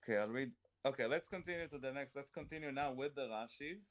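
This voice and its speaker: Speaking fast in a mid-range voice, a man leads a casual Torah class, walking through the material step by step with humor and everyday examples. He reads commentary aloud and translates it, with slight background noise on the recording.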